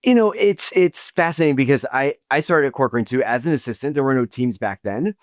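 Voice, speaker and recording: A man's voice: mid-range voice, fairly quick, dry recording, clean studio sound. A middle-aged man hosting an interview, speaking with admiration and frequent restarts. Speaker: podcast host. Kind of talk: interview conversation.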